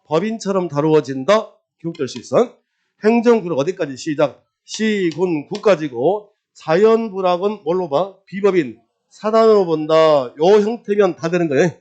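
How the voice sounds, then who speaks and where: A middle-aged man lecturing on property registration law, quizzing his class with rapid questions and answering them himself. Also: high voice, lo-fi sound. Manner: lively, quizzing, drills with repeated questions and answers. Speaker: real estate law exam lecturer.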